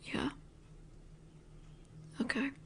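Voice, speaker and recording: Speaking extremely slowly in a slightly bright voice, the young woman plays a possessive roommate who teases in an intimate audio roleplay. She keeps things low and drawn out, at times falling into whispers.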